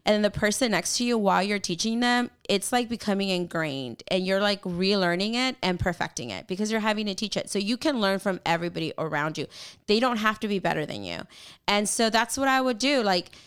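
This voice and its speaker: Photographer lady chatting, smooth clear voice, does little voices when quoting folks. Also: mid-range voice, a little fast. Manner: animated, mimics whiny voices when quoting people. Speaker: photographer and group organizer. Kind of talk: casual podcast-style chat.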